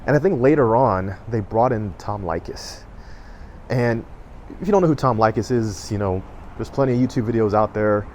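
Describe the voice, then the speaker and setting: A man's voice: on the low side, moderate pace, darkish tone. Rambling middle-aged man, faint background noise. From Southern California. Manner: rambling, many fillers and self-corrections. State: emotional, choking up. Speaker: vlogger. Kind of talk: personal storytelling to camera.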